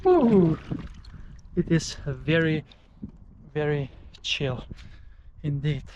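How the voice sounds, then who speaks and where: Male vlogger, fairly high voice, very slow halting delivery, casual, outdoors with light background noise. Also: lo-fi sound. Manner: halting, phrases broken into short pieces. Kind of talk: casual outdoor vlog narration to camera. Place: outdoors at a frozen lake.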